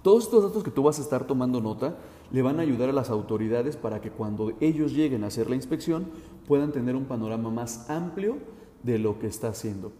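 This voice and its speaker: A man who is a safety instructor, giving a direct, instructive talk to the listener, often pausing on 'eh'. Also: mid-range voice, expressive, mellow. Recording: roomy with long reverb.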